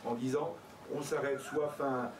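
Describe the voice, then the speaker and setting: A man's voice: medium pitch, steady tone, a little slow. A man in the audience of a conference debate, speaking earnestly from the floor. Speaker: audience member. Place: lecture hall. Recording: distant, roomy, crowd noise.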